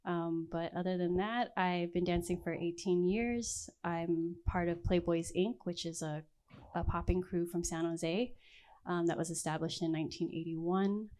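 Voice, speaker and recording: A woman's voice: on the low side, fairly even intonation, unhurried, a little mellow. A woman introducing herself on a panel in a self-deprecating way, laughing lightly and speeding up in bursts. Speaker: panelist, director and choreographer. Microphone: handheld mic.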